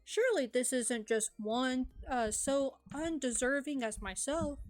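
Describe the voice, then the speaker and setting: A woman reading aloud, voicing a smooth, courteous male god. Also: sits high, lively intonation, unhurried, darkish tone, soft background music, poor audio.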